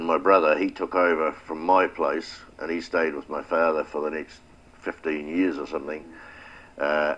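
A retired beekeeper, an older man with a New Zealand accent, reflects plainly on his family's beekeeping history in an oral history interview. His voice rumbles low with a slight brightness, though the audio sounds dull.

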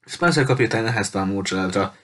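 A man reading the part of a mysterious woman from a pirate crew, speaking calmly and guardedly through a door, in a spoken storybook. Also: fairly low pitch. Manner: calm, guarded, quietly knowing.

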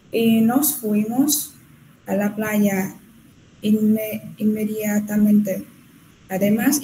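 A woman student reading aloud very slowly and haltingly, her flat voice soft and mellow. She is heard in an echoey room with faint noise behind her. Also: medium pitch. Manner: hesitant, halting, self-correcting. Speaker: language student. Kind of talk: reading a text aloud in class.

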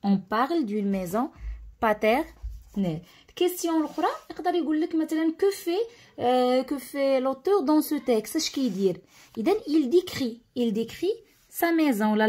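A woman's voice: sits high, warm tone, slightly rough. A woman with a Moroccan accent explaining a French lesson to schoolchildren, mixing French terms into her Arabic and often checking that the class has understood. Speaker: teacher.

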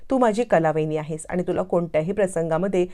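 A woman's voice: on the low side, quick pace, warm tone, natural voice. A woman voicing a caring young man who speaks earnestly and reassuringly to his sister-in-law.

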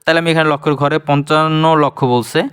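A man's voice: on the high side, steady tone, fairly quick, a bit bright, clear, resonant tone. A man with a Bangladeshi Bengali accent teaching a primary school math lesson online. He counts digits aloud and often stops to correct himself. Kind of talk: online lesson explaining place value.

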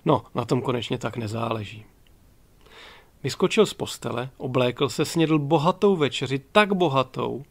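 A male narrator reading an audiobook at a steady, measured pace. His mid-pitched voice carries a noticeable gravelly rasp.

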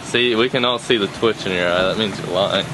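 A man's voice: fairly low pitch, a little fast. A young man filming and teasing his friends on a car road trip, casual and provocative. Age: young adult. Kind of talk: casual joking banter. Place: inside a moving car. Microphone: handheld camera mic. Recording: loud road noise in a car.

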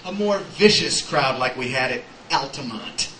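A man's voice: medium pitch, animated, normal speed, natural voice. A comedian on a club stage playing a pompous male professor who lectures a class in a pedantic, mock-scholarly way. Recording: echoey live club recording from far off, music.

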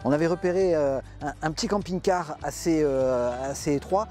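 Speaking into a lapel mic next to a motorhome at a trade show car park, this older camper van channel host presents and interviews in a casual vlog style, hesitating often. His voice sits a little high with a darkish tone, moving at a moderate pace over faint background music.

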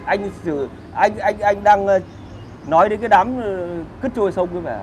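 A man's voice: high voice, normal speed, a little mellow, slight background noise. Coarse, combative man. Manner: combative, crude, profane. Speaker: livestream host answering viewer comments. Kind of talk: casual livestream rant.

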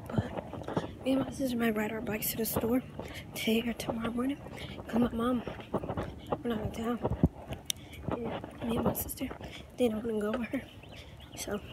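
A teenage girl's steady, somewhat high voice moves at normal speed with long pauses as she vlogs, chatty and full of slang, into a phone held at arm's length. She starts indoors at home and heads outdoors, with heavy background noise throughout.

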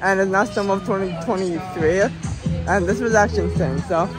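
A young American man with a hoarse, lost voice, talking excitedly and haltingly to camera in a casual outdoor vlog. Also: high voice, music in the background. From Pennsylvania, United States. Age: young adult, late teens. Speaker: vlogger. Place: outdoors in an amusement park. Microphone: phone at arm's length.

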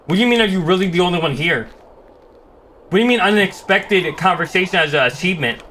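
Young man, gaming commentary, jumpy and excitable, high voice, lively swings. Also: fast talker, slight background noise. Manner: excitable, jumpy, yells when scared. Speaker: gaming YouTuber. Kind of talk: gameplay commentary.

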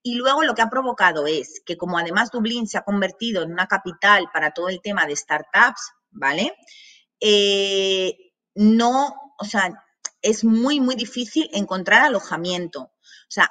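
Sitting at her desk in a small office hung with banners, a language academy director from Madrid, Spain, in her thirties, leads an online masterclass. Her medium-pitched, sharp-toned voice carries a Madrid Spanish accent, and her chatty style is full of asides and fillers.

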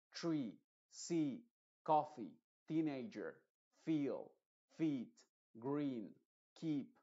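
A man's voice: mid-range voice, warm tone, muffled recording. A man teaching an English pronunciation lesson, explaining patiently, stretching vowels and reading word lists aloud. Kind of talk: recorded online lesson.

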